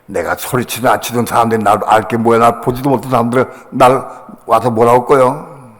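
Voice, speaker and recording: Older pastor preaching with hall reverb. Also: male voice, mid-range voice, fairly even intonation, a little fast. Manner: storytelling, acting out voices with sudden loud bursts. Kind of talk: sermon testimony. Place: church sanctuary.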